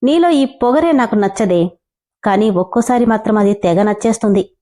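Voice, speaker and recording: A woman's voice: mid-range voice, normal speed, mellow, close to an everyday voice. A woman narrator voicing an arrogant young male boss who talks in a sarcastic, taunting way.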